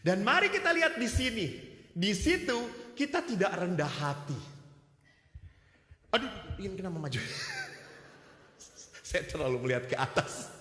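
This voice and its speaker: Animated joking priest in an echoey hall. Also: male voice, high-pitched, a little slow, pauses often. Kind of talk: sermon.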